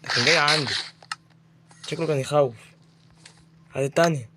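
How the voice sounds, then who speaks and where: Heavy background noise accompanies this fast-talking young man with a fairly high pitch. He's a gaming YouTuber with an Egyptian Arabic accent, casually joking and chatting over gameplay and interviewing the game mobs.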